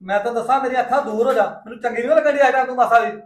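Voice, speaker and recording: A man plays a betrayed husband who scolds his wife in a loud, reproachful way. His voice sits very high and the words come fast. The room around him rings with echo. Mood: angry. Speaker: actor in a family skit. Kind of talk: scripted family drama. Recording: echoey room.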